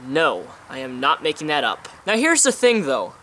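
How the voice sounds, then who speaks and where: On a sunny day outdoors, a young male vlogger chats casually about his opinions while eating, talking with food in his mouth. His voice is a little high and bright, with wildly swooping pitch, a forceful tone, and normal speed, over a slight hiss or hum.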